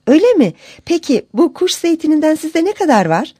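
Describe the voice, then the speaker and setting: An eager, spirited young princess, quick and commanding, as a woman narrator puts her on, speaking higher than the teller's own voice. She sounds close and dry, with no room around her. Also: sing-song, warm tone, no echo.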